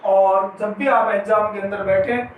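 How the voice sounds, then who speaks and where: A male Hindi grammar teacher giving an exam-prep spelling lesson, drawing out each word slowly, repeating it, and asking questions he answers himself. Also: high voice, fairly even intonation, narrow, tinny audio. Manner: slow, drawn-out pronunciation of each word, repeating it. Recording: very echoey room, mic at a distance, faint noise.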